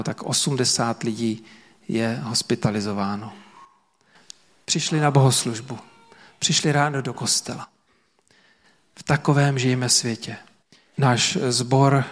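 A man preaching a sermon as pastor to a church congregation, earnest and emphatic with dramatic pauses. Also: mid-range voice, big-room sound. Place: church service before about 300 people.

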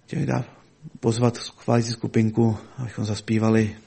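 Mellow-voiced man preaching a sermon. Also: level tone, gravelly, breathy edge. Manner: measured, emphatic delivery in short broken phrases; voice sinks low and quiet at phrase ends.

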